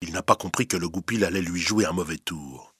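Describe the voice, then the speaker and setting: A man narrating a storybook, reading with clear, steady delivery and lively emphasis. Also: low voice, a little fast, no room sound, clean studio sound.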